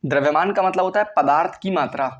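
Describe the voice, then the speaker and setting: Fast-talking man teaching chemistry. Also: a little high, dull audio. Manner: asks and answers his own questions. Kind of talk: classroom lecture.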